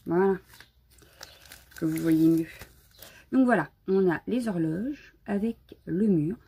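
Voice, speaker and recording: A woman's voice: fairly low pitch, slow, mellow, breathy edge. A woman hosting a casual live crafting stream from home, chatty and a bit scattered, greeting viewers as she shows her supplies. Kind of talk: casual live unboxing chat.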